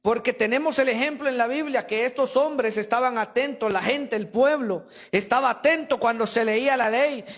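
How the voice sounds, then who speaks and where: High-voiced man preaching emphatically. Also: normal speed, few pauses, fairly bright tone. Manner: emphatic preaching, addresses listeners as brother. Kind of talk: sermon. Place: church.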